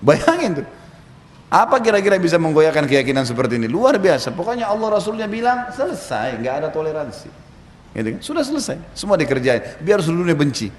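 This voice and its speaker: A male preacher tells a story to his congregation with a lively, swooping voice, acting out the people in it. The sound carries a long, roomy hall reverb. A faint ambient noise sits behind him. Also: a little high, fast talker. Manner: lively storyteller, chuckles, acts out quotes. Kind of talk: sermon storytelling.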